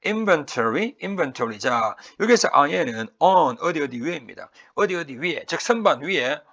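A male teacher with a Korean accent works through a vocabulary lecture. His voice is bright but rough, with gravel and a husky edge. He drills pronunciation by repeating each word and stretching it out slowly. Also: on the high side, expressive, highs cut off. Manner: asks and answers his own questions.

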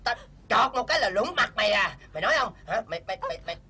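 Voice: sing-song, very fast, a little hiss or hum. A cackling cruel old villain. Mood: threatening. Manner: shouting, cackling, sudden wild pitch leaps. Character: cruel old male villain, mocking and menacing. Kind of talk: dubbed fairy-tale drama.

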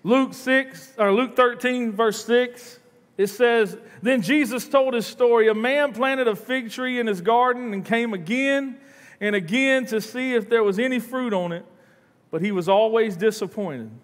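A man's voice: extremely high pitch, a little slow. A man, preaching a sermon in earnest from a church stage. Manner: earnest, repeats words, paces the stage. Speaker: pastor. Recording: long hall reverb in a church.

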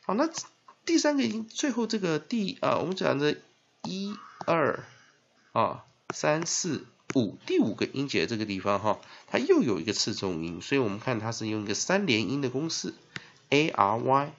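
A man teaching English spelling and phonics in Mandarin with a Taiwanese accent, spelling words out letter by letter and filling pauses with drawn-out "ah" sounds. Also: medium pitch, gravelly, slight background noise. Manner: spells words letter by letter, heavy fillers, lively emphasis. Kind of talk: classroom-style phonics lesson. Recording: dull lo-fi recording.

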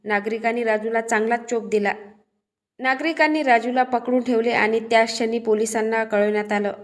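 A woman narrating a true crime story in a steady, scripted storytelling delivery. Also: fairly high pitch.

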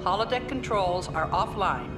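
Calm starship computer, voiced by a woman. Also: medium pitch, lightly acted. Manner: even, flat, measured announcements. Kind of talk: TV drama acting. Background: loud music score.

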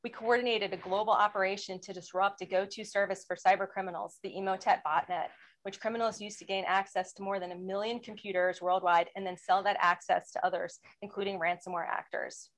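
A woman speaking as a panelist in a webinar presentation, explaining in a steady way and asking for slide changes. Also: medium pitch, fairly quick, poor audio. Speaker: federal law enforcement panelist.

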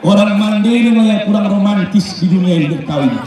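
A man giving a joking moral speech to a crowd, acting out little dialogues and sometimes raising his voice loudly. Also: high-pitched, brisk. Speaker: speaker at a campaign welcome. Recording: heavy echo, far from the mic, crowd noise.

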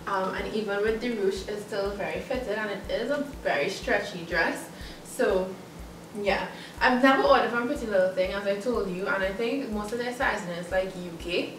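A young woman talks her way through a clothing try-on haul, chatty and giggly with a self-conscious edge. She sounds set back from the camera in a roomy, echoing space. A clear hiss of noise sits behind her. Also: mid-range voice. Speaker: vlogger. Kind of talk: casual try-on haul chat. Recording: echoey room from far off.

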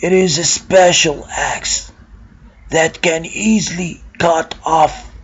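A man's voice: fairly high pitch, steady tone, takes it slowly, breathy edge, pitched above the performer's own voice. A man voicing a frail old man in the woods, speaking in a trembling, pleading voice. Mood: grateful. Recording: dull lo-fi home recording.

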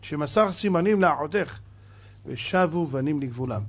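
A man's voice: on the high side, lively intonation, background noise, pitched below the performer's own voice. A man voicing a stern, indignant divine voice within a sermon, speaking emphatically. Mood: solemn.

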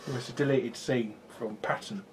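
A man's voice: mid-range voice, fairly even intonation, background noise. A man co-hosting a casual board game review, laughing often as he jokes. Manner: giggly, quick to laugh. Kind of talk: casual comedic chat.

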